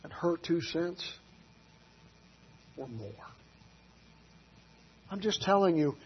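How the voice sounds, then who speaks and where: A man preaching a sermon as a pastor, telling folksy stories and swinging from quiet asides to loud, emphatic peaks. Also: a little high, animated, slow, highs cut off, a little hiss or hum. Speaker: Baptist pastor.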